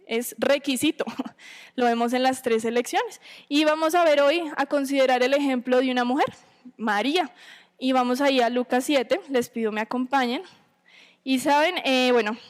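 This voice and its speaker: A high-pitched woman delivers a sermon to a women's meeting, teaching conversationally while posing rhetorical questions and checking in with her listeners.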